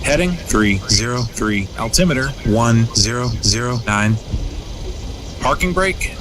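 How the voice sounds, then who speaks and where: A man's voice: medium pitch, animated, a little slow, close to an everyday voice. A man voicing a businesslike airline first officer reading terse checklist callouts. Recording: clear aircraft cockpit noise.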